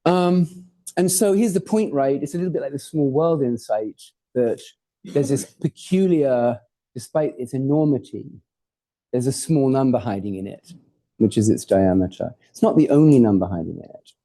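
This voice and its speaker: Born in Hawaii and raised in Portugal and England, a man gives an academic talk with slides to a lecture hall audience. His mid-range voice is very dark and mellow, at a moderate pace. He speaks informally and digressively, tossing in asides, jokes and the occasional curse for effect.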